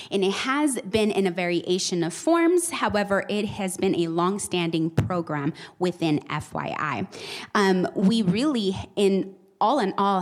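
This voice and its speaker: A woman delivers a semi-formal presentation with a mid-pitched voice. She speaks earnestly and with emphasis, and a face mask slightly muffles her words. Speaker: program supervisor presenting.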